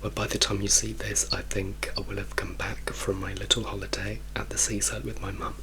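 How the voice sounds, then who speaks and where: A man from Italy gives a soft-spoken ASMR ramble in a hushed, mostly whispered voice, unhurried and repeating words for emphasis. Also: lowish voice, little pitch movement, background noise. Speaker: ASMR creator telling personal stories.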